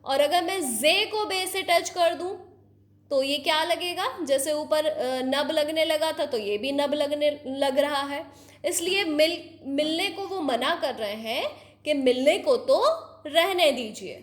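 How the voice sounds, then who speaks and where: A woman teaching young children, explaining slowly and patiently, often asking questions to check they follow. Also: sits high.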